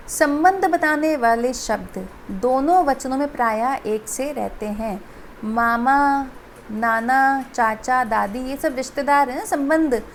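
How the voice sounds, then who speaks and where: A woman's voice: sits high, slight background noise. A woman teacher patiently explaining a grammar lesson to children, speaking to them directly. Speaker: school teacher.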